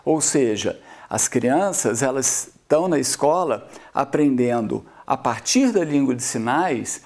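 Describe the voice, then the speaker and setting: A Brazilian man giving measured, explanatory documentary narration. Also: medium pitch, lively intonation, vocal fry, a little mellow. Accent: Brazilian Portuguese.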